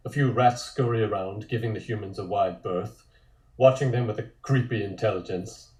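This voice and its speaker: On a multistream call from an indoor room, a man reads a table read's scripted stage directions in a low-leaning, darkish voice. His asides are wry and dry. The home recording has a roomy, echoing quality.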